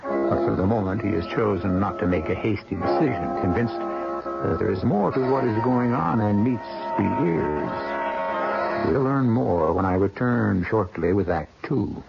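A man with a lowish, gravelly voice narrates a horror radio drama. His delivery is theatrical and sardonic, over clear music on a dull recording. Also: lively intonation, unhurried.

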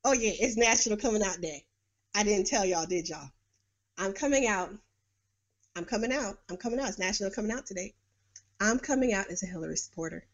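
A woman's voice: mid-range voice, quick pace. A middle-aged woman from New York hosting a podcast, giving blunt, sarcastic political commentary with frequent laughs. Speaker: podcast host. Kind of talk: casual political commentary monologue.

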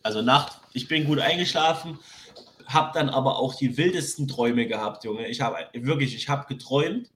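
A man's voice: medium pitch, normal speed, fairly bright tone, a little hiss or hum. Young man rambling in slang, echoey room. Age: young adult. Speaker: podcast co-host. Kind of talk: casual chat.

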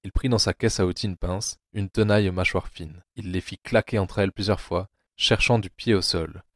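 A man reads a dark audio novel adaptation in a very low voice. His delivery is measured and grim, and the recording is dry and close with no room sound. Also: steady tone, no room sound. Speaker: narrator. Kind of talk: scripted audiobook narration.

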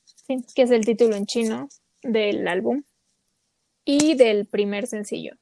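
A woman's voice: on the high side, a little slow, creaky, mellow, a little hiss or hum. A woman co-hosting a casual podcast chat, talking with lots of fillers. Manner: chatty, many fillers. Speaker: podcast co-host.

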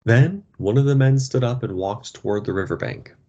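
A man reading a story aloud for learners, slow and expressive. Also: mid-range voice, slightly rough. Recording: dull lo-fi podcast audio.

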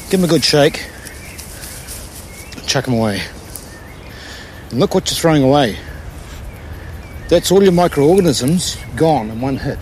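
An organic gardener with a medium-pitched, darkish voice explains hands-on gardening informally to camera for a documentary, demonstrating as he goes. He's earnest and plain-spoken, repeating words for emphasis, with a little hiss or hum in the audio.

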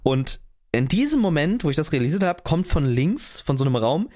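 A man's voice: fairly high pitch, big pitch swings, fairly quick, warm tone. A young man co-hosting a podcast, narrating a story in casual chat and acting out quoted voices. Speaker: podcast co-host.

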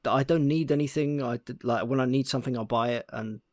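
A man's voice: mid-range voice, brisk. A man co-hosting a podcast in casual chat, blunt and jokey, swearing freely. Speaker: podcast co-host.

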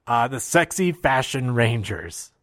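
A man casually recapping wrestling shows, excitable and rambling, with many fillers and restarts. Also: medium pitch, measured pace, no room sound, studio quality.

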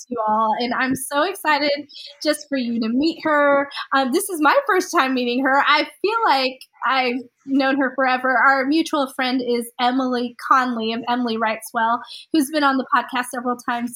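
A woman's voice: sits high, bright, forceful tone, poor audio. A woman hosting a podcast, chatty and enthusiastic, sounding a bit stuffy from a cold. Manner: chatty and enthusiastic, rambling asides. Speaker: podcast host. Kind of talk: casual podcast chat.

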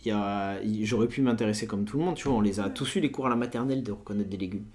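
Fast-talking man with suburb street slang. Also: lowish voice. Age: 30s. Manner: animated retelling with quoted dialogue. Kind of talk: casual anecdotal storytelling.

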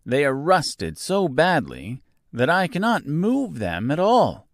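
Guy doing a rusty tin man from a kids story, polite n sad, slow careful talk, lots of up and down, dry sound. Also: fairly high pitch, huge pitch swings, no echo, voice pushed up, full character voice. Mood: pleading. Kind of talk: storybook character voice.

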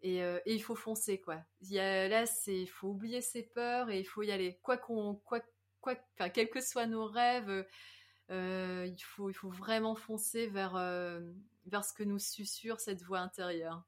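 A woman's voice: medium pitch, steady tone, unhurried. A woman who teaches yoga, a guest on a podcast, speaking reflectively and hesitantly, with frequent laughs. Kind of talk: podcast interview.

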